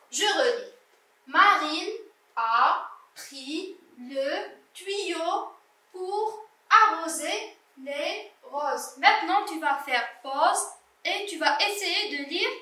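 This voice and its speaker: Woman teacher, high bright voice, very slow and patient, syllable-by-syllable reading lesson, echoey room, away from the mic. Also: recorded from a distance. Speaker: primary school French teacher.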